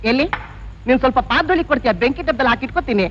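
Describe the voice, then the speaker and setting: A man's voice: very high-pitched, racing, fairly bright tone, long reverb tail, a little hiss or hum. An actor playing a playful young male sidekick who teases his friend with mock deference, in 1980s film acting. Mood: teasing. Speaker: friend of the leading man. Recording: dull old film soundtrack.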